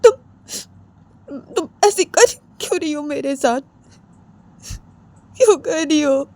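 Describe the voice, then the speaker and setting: A woman voicing a hurt young woman who cries while scolding her girlfriend, in a high, tearful voice. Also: lively intonation, takes it slowly, a little mellow, heavily acted. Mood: tearful anger. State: crying.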